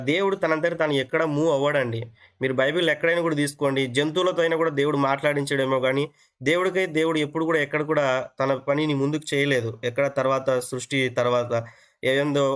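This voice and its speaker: A man preaching an interactive sermon who asks his listeners questions, repeats phrases, and mixes English words into his speech. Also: on the high side. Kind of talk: interactive sermon on an online call.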